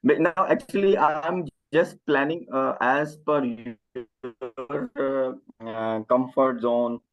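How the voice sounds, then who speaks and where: A man giving informal software training, speaking in a halting, hesitant way with phrasing. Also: mid-range voice, steady tone. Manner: halting, hesitant non-native English phrasing. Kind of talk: informal online training session. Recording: dull, lo-fi online call audio.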